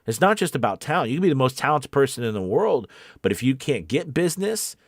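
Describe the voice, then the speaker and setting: An American coach hosts a casual livestream, reading out viewer comments and chatting emphatically while repeating his key points. His mid-range voice is fast and sing-song, recorded dry in studio quality.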